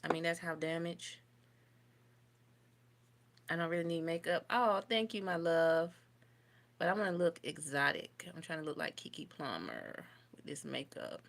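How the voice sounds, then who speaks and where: A woman's voice: low-pitched, lively intonation, a little slow, vocal fry, long pauses. A young woman, chatting casually on a makeup livestream and answering viewer comments as she goes. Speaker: beauty vlogger doing a livestream. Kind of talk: casual livestream chat while doing makeup. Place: home, indoors.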